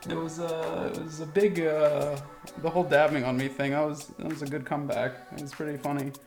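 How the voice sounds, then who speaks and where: Young man, slightly high-pitched, bro-ish slangy gamer chat with faint music underneath. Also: flat delivery, a little fast, darkish tone. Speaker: gamer in conversation with a streamer. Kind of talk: casual chat.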